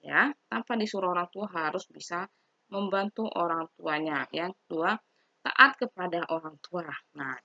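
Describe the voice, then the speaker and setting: A woman's voice: lowish voice, a bit bright, no room sound. A woman religion teacher giving a recorded lesson to children, patient and repetitive, often checking in with them. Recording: dry, dull lo-fi sound.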